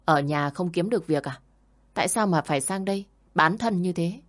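Woman doing a tired blunt madam, low voice, brisk. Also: natural voice. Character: blunt weary woman brothel manager.

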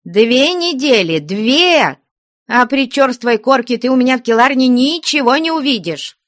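A woman voicing a good-natured older nun who scolds the convent girls in a high, indignant voice. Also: very animated, unhurried, a little mellow, no room sound, studio quality. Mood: furious. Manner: scolding, shrill, scandalized.

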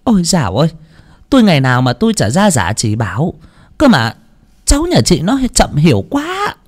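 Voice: mid-range voice, wildly swooping pitch, moderate pace, pitched above the performer's own voice. A storyteller voicing a spiteful, bullying older mother-in-law who screeches scolding insults. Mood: scornful.

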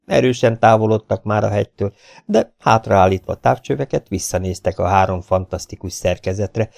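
Man reading a novel, low and dry. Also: vocal fry, darkish tone, no echo. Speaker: audiobook reader. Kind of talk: audiobook narration.

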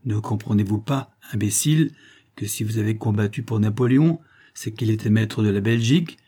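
A man voicing a stout, sharp-tongued innkeeper's wife who scolds coldly, with a husky voice. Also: lowish voice, a little fast. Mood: scolding. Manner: scolding, cold.

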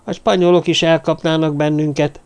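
A man's voice: little pitch movement, darkish tone, smooth, lightly acted. A man voicing a panicky, gloomy dwarf woman. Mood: desperate. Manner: desperate, high-strung. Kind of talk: audiobook character voice.

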